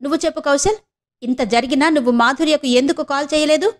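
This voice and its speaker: A woman voicing a stern, proud middle-aged mother who scolds her son with sharp questions. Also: sits high, fast, voice pushed up, close to an everyday voice. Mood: scolding.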